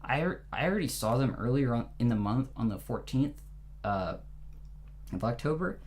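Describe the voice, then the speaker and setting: A man in his twenties speaking hesitantly as a caller, with frequent ums and pauses. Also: mid-range voice, animated, a little mellow. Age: 20s. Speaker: caller booking an appointment. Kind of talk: hesitant phone conversation. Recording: noisy hum on phone call.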